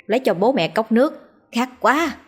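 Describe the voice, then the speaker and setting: A woman narrator voicing a middle-aged village mother who wails and pleads, slightly husky. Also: on the high side, expressive, normal speed, pitched above the performer's own voice. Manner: wailing, pleading.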